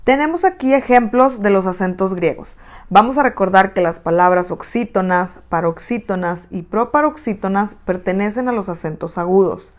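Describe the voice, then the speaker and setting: A woman with a Mexican accent narrating a recorded online lesson, explaining terms step by step at a steady pace. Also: mid-range voice, moderate pace. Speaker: teacher.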